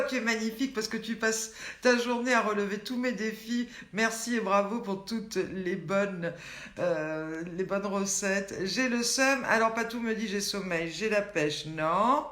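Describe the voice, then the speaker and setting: An older woman with a mid-range, fairly bright voice hosts a daily live online show in an echoey room. She playfully quizzes her viewers and reads out their names and comments.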